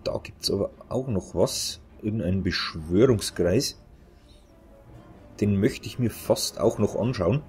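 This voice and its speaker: A man giving casual let's play commentary, musing to himself in an unhurried way. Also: lowish voice, darkish tone, faint music behind. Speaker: let's player.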